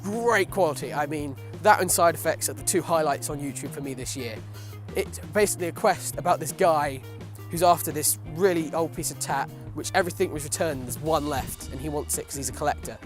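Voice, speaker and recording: A man's voice: a little high, brisk. A young man chatting casually to camera as a vlog co-host, rambling and repeating himself, outdoors in the wind. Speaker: film review vlog co-host. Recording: windy outdoor recording with music. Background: wind and music.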